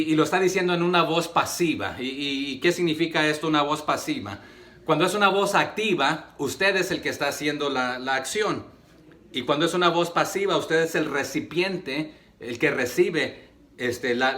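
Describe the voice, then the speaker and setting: Un hombre que predica un sermón en español latinoamericano y le hace preguntas a la congregación. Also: male voice, a little high, fairly bright tone. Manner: rhetorical questions to the congregation, many fillers. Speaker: preacher. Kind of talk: sermon.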